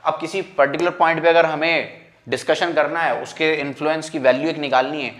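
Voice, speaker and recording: A man teaching a physics lecture, talking informally and keeping on asking whether the students understand, then slowing down to dictate definitions word by word. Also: on the high side, steady tone, fairly bright tone. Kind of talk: classroom lecture, mixing Hindi and English.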